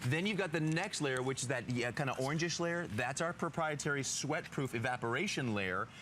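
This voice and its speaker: A man's voice: medium pitch, animated, fairly quick, fairly bright tone. A man demonstrating a product live outdoors like a home shopping host, folksy and emphatic, often repeating himself for effect. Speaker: product pitchman and guest. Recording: faint ambient noise behind the voice.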